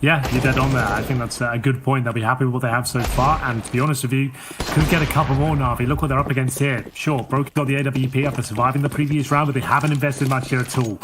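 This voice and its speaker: A man calling live esports action play by play, rapid and excitable as the plays unfold, on a headset mic. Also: medium pitch. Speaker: play-by-play caster. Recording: clear background noise with clicks.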